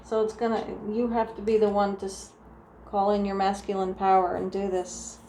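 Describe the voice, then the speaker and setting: A woman with a New Jersey accent talks through a tarot reading in a mellow, dark-toned voice. She meanders with frequent restarts and fillers. The room is echoey, with a faint ambient hum behind her. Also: mid-range voice, little pitch movement, moderate pace. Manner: soft, meandering, full of restarts and "like". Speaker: tarot reader. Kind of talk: casual tarot reading to camera.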